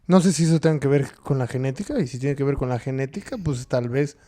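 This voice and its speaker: A man with a Mexican accent chats on a podcast and works out his thoughts as he talks. He speaks in slangy terms, swears now and then, and his voice has a dark, mellow tone. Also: mid-range voice, fast talker. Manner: thinks aloud, slangy, with swearing. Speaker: podcast co-host. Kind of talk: casual chat.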